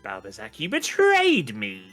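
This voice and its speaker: A man's voice: medium pitch, huge pitch swings, unhurried, a bit bright, soft background music. A man voicing a cruel, scornful demonic overlord in a theatrical, sneering villain delivery.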